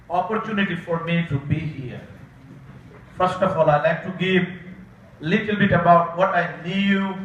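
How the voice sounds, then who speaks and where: High-voiced Bangladeshi man, slow, echoey hall. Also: a bit bright, a little hiss or hum. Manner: halting, many filler uhs, informal grammar. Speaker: guest speaker, Senate candidate. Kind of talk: banquet speech. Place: large event hall. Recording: echoey hall, distant dull mic.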